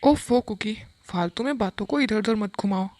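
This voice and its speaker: A woman's voice: mid-range voice, a little mellow, no echo, close to an everyday voice. A woman voicing a stern, short-tempered businessman father who scolds and gives commands in a fan-dub audio drama. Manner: scolding, commanding, grows heated and fast.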